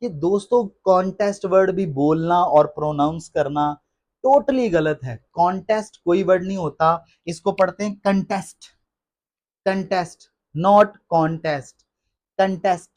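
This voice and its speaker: Guy with teaching word sounds, a bit high voice, says each word over and over. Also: darkish tone. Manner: repeats words slowly and emphatically, addresses listeners as friends. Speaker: English pronunciation teacher. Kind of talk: classroom-style explanation in Hindi.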